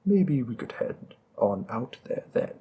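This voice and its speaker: With an exaggerated, mellow voice full of big pitch swings, a male performer acts out a flirty mafia boss in audio roleplay. He speaks slowly at mid pitch, gravelly and husky, teasing with playful menace and dropping into whispers.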